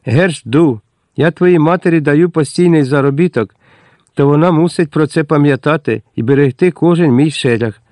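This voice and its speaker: Guy putting on a shrill angry landlady, high and loud, yelling insults at a servant girl. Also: no echo, studio quality, lightly acted. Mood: stern. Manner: shrill, berating, quick to insult. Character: harsh scolding middle-aged female landlady.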